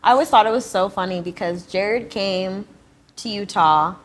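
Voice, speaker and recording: A woman's voice: medium pitch, moderate pace. A young woman hosting a podcast, chatting easily and answering often with short agreements. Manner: easygoing, frequent agreeing backchannels. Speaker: podcast host. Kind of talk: casual interview chat.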